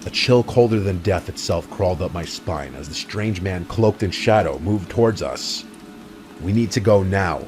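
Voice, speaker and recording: A man narrating a horror story in a measured, brooding scripted delivery. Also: low voice, animated, over music.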